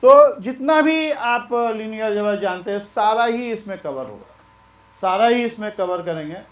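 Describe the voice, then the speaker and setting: A man teaching maths in a relaxed, chatty way, mixing Hindi and English and repeating himself. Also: sits high, normal speed, roomy sound. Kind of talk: lecture.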